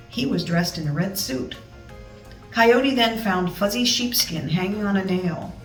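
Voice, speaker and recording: Female storybook reader, expressive with chatty asides, medium pitch, echoey room, slightly distant mic. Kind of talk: expressive children's read-aloud with chatty asides. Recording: roomy, distant mic, music behind.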